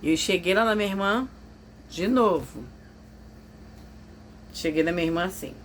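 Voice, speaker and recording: Speaking at a moderate pace in a fairly low voice, this vlogger tells her viewers a personal story. She's emotional and confiding, voicing the words of others, and there's slight hiss or hum on the audio.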